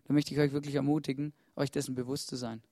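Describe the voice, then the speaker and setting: A man's voice: mid-range voice, level tone, fast, dry recording, studio quality. A man preaching a sermon from a church stage, earnest and urging, putting questions to the congregation and often starting with "hey". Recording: soft guitar music playing behind.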